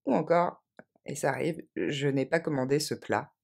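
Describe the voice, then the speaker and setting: A woman teaching English phrases to French speakers, repeating each one slowly and then quickly. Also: low-pitched, gravelly, darkish tone, slightly rough. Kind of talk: language lesson with repeated model phrases.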